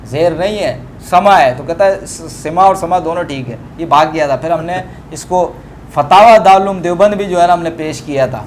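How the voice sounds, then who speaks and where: A man's voice: on the high side, a little hiss or hum. A man giving a combative religious debate commentary over scanned book pages, repeating fillers as he argues.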